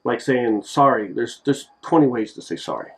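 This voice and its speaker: A man talks through a relaxed, homemade phrase lesson at an everyday pitch. He jokes between examples and says each word again and again so the listener can copy it. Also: normal speed, breathy edge, poor audio. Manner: relaxed, joking, repeats words to drill them. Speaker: language teacher. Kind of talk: casual language lesson. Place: Japan.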